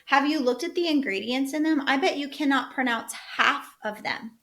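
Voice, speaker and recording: Mom podcaster, kinda high voice, talks fast and animated like she's chatting with a friend. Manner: chatty, animated storytelling, acts out her kids' voices. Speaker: podcast host and health coach. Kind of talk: casual solo podcast talk.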